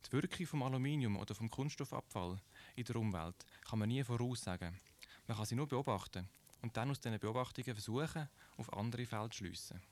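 A man with a Swiss German accent presenting a scripted radio commentary, measured and explanatory, posing rhetorical questions. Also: mid-range voice, darkish tone.

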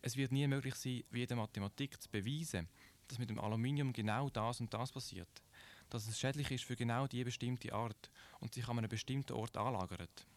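Swiss-accented man explaining on radio. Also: medium pitch. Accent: Swiss German. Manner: measured, explanatory, poses rhetorical questions. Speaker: radio presenter. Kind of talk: scripted radio commentary.

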